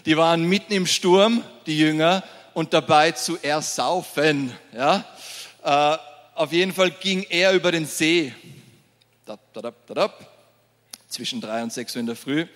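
Male preacher, lively sermon, fairly high voice; long hall reverb. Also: moderate pace. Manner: lively, laughs often, acts out scenes. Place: church hall.

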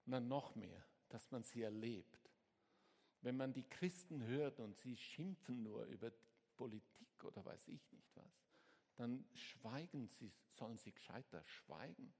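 A man preaching a sermon as a pastor, swinging between hushed words and sudden shouts to his congregation. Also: mid-range voice, creaky, slightly rough, long reverb tail. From Switzerland.

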